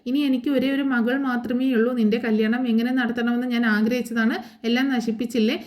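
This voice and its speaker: This is an angry, heartbroken middle-aged mother from a TV serial, as a woman narrator reads her lines aloud. She scolds without pausing, rushing one cutting line into the next in a slightly raised voice. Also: on the high side, level tone, a little mellow, lightly acted. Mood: bitter scolding. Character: furious grieving middle-aged mother cursing her son.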